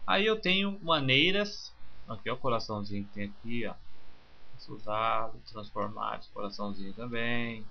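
A man, teaching software in a screencast and calmly walking through each click step by step. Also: fairly low pitch, normal speed, creaky. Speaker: software instructor. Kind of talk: screencast tutorial. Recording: slightly muffled with faint hiss.

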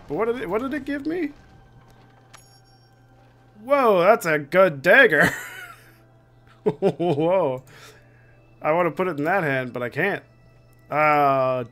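A young man with a somewhat high voice talks through his gameplay casually. He jokes, swears and reacts aloud to what happens, with soft game music underneath. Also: lively intonation, measured pace, pauses often. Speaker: gamer commentating a playthrough.

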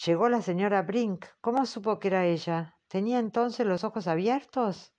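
Formal male interrogator, measured and patient; woman audiobook reader doing him. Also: medium pitch, a little mellow, dull audio, lightly acted. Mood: probing. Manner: slow, formal, questioning. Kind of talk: audiobook character reading.

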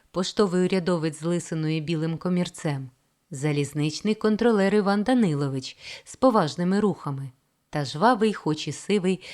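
A woman reading a story aloud in calm, measured, expressive narration. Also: deep voice. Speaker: audiobook reader. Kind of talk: scripted narration.

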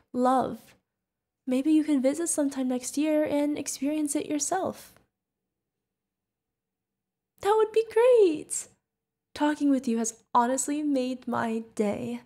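With a warm tone and a voice that sits high, a woman portrays a sweet, curious, friendly feathered alien bartender in an ASMR roleplay. She speaks straight to the listener in a sweet, delighted mood.

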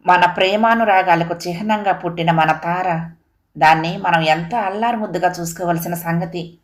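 A woman's voice: fairly low pitch, natural voice. Woman playing a hurt, reproachful husband. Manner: earnest, reproachful pleading. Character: feverish hurt husband, pleading then angry.

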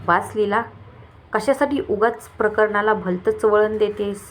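A woman voicing a calm, easygoing male hairstylist in a read-aloud story, speaking in a soothing way. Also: mid-range voice, unhurried, close to an everyday voice.

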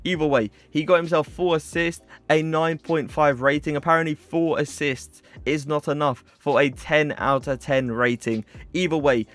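A man's voice: on the high side, fairly even intonation, moderate pace, few pauses, fairly bright tone. A young man giving casual video-game commentary as a YouTuber, chatty and leaning on stock phrases.

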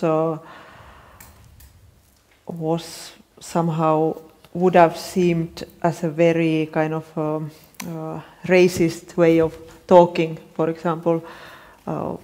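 Low, flat-voiced woman from Finland. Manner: searching for words, many fillers. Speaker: panelist. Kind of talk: panel discussion.

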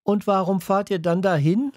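A man reading a children's audiobook, voicing an eager young schoolgirl in a raised, excited voice. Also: high voice, moderate pace, no echo, studio quality, voice pushed up, lightly acted.

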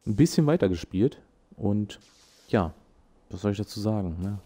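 A man's voice: lowish voice, animated, moderate pace, warm tone, husky. A man giving casual, laid-back, rambling let's play commentary on a video game. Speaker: gaming video host.

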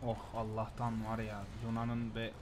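A man's voice: fairly low pitch, monotone, moderate pace, background noise. A young man streams a team game and talks over it live. He keeps pleading with and scolding his teammates, his voice jumping up when he is upset. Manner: frustrated, shouting at teammates, swearing. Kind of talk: live gameplay commentary.

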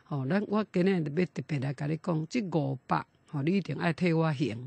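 A man voicing the ghost of a young son who has come back to collect an old debt, speaking calmly and solemnly. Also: a little high, brisk, creaky, slightly rough, dry recording.

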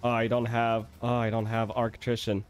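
Casual gameplay commentary from a male streamer who has the hiccups and lets out small exclamations as he plays. He has a medium pitch, a completely flat delivery, and a moderate pace, and faint music plays in the background.

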